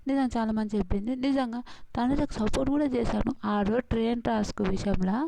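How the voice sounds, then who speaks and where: Casting note: a woman show reviewer, chatty and given to re-enacting quotes, with a slightly high voice. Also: fast, vocal fry, noisy background. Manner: retells scenes by quoting people, chatty with fillers. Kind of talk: casual spoken show recap.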